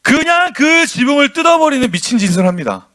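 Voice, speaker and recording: Animated high-voiced children's preacher. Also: male voice, brisk. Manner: animated storytelling with questions to the kids. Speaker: children's pastor. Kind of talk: sermon for children.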